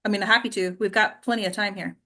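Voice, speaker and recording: Talking fast in a medium-pitched, steady voice that sounds pushed and bright, a woman runs an acting class for a small group. She teaches conversationally and keeps checking in with questions such as "right?".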